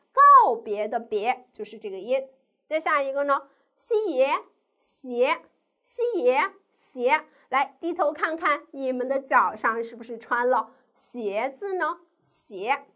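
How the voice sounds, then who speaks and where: High, lively woman teaching young children. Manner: sing-song, drawn-out demonstration of sounds, questions to children. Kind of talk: primary school pinyin lesson.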